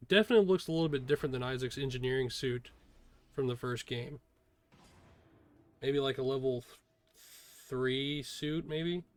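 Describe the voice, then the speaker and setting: A man's voice: medium pitch, normal speed, pauses often. A man giving casual, informal first-impressions commentary as a streamer, talking in a hesitant way. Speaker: video host, streamer reacting to a game trailer.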